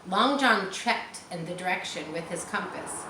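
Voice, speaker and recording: A woman with a lowish voice and lively intonation reads a story aloud, adding teaching asides. She pauses to explain words and check that listeners understand. It's recorded in an echoey space with faint noise behind her.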